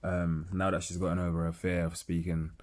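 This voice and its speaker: A man with a low voice hosts a podcast in a London accent. His talk is casual and full of slang, with an easy teasing banter. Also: completely flat delivery, a little fast. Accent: London English. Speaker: podcast host.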